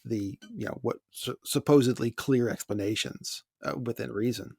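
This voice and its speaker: A man's voice: medium pitch, moderate pace, gravelly, a little mellow, breathy edge, dry recording. Male American podcast co-host, casual chat, dry close-miked sound, wry asides between read-out emails. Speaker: podcast co-host reading listener mail. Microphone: close podcast microphone.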